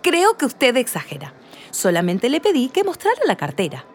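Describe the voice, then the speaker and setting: A woman's voice: fairly high pitch, huge pitch swings, normal speed, a little hiss or hum. A woman voicing a fussy, rule-bound cashier in a read-aloud play, insistent and easily flustered. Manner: insistent, grows exasperated and fussy.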